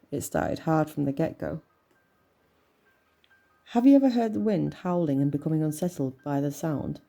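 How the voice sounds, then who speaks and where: A woman reading a horror story aloud in a measured, tense storytelling manner. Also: sits low, creaky. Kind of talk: scripted horror narration. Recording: soft music bed under voice.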